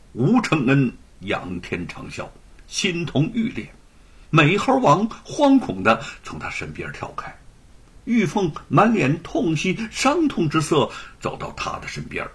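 Husky, animated male storyteller. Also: fairly high pitch. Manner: expressive, swings between loud and hushed. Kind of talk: dramatic storytelling narration.

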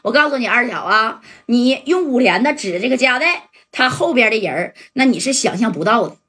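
A woman's voice: on the high side, lively intonation, fairly quick, fairly bright tone, breathy edge. A woman voicing an anxious male sidekick. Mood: urgent.

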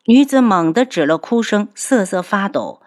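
A woman's voice: medium pitch, lively intonation, moderate pace. A woman narrating a novel audiobook expressively, acting out the characters.

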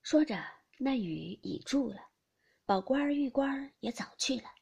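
A woman's voice: high-pitched, normal speed, creaky, breathy edge. A woman narrating a classic novel audiobook expressively, often dropping to a whisper. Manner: expressive, with many whispered passages.

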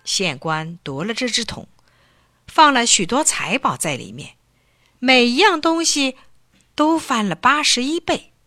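A woman narrating a folk tale for children in an expressive storytelling voice. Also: a little high, measured pace, no room sound, clean studio sound.

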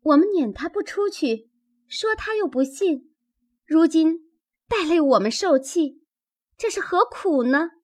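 A woman voicing a group of young maids who complain in a whiny, high voice. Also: lively intonation, measured pace. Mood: aggrieved.

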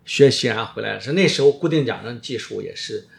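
In this interview, a middle-aged orthodontist talks with a gravelly, medium-pitched voice, lively intonation, and a quick pace. He explains casually but with emphasis, repeats his phrases a lot, and drops in English words.

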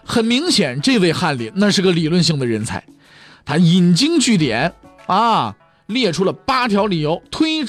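Animated male pingshu storyteller. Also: high voice. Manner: lively, jokey asides and rhetorical questions to listeners. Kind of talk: comic pingshu-style history storytelling.

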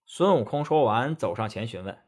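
Animated, slightly husky male storyteller. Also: medium pitch, normal speed. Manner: expressive, animated telling. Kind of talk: storybook narration.

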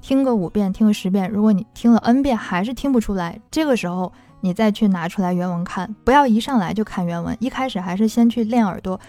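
Mellow-voiced woman language teacher. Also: mid-range voice, quick pace, hardly any pauses, no room sound, faint music behind. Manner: patient, explains with worked examples. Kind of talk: explanatory teaching talk.

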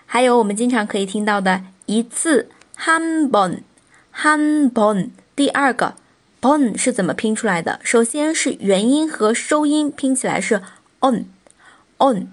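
Patient woman teaching pronunciation step by step. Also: medium pitch. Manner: slow, drawn-out model pronunciations of sounds. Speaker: Korean language teacher. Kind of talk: pronunciation lesson.

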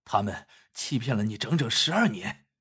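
A male storyteller voicing a young village woman who speaks softly and pleadingly. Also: medium pitch, lively intonation, moderate pace, husky.

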